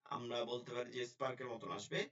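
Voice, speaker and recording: A man teaching a Quran pronunciation lesson, drilling syllables slowly and explaining lip and tongue positions in colloquial speech. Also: mid-range voice, steady tone, fairly bright tone. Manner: drills syllables slowly and repeats them for practice. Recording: slightly dull lo-fi sound.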